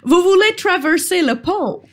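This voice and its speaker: A woman's voice: very high voice, expressive, measured pace, pitched above the performer's own voice, heavily acted. A woman voicing a prim, polite, well-dressed male troll who keeps a bridge in a tabletop game. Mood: fussy. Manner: fussy, formal and courteous.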